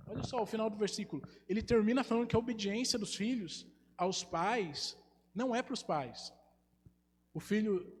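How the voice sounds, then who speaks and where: A man, preaching a sermon as pastor and putting rhetorical questions to his congregation. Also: sits high. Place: church hall. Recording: live church stream with long reverb and faint hum.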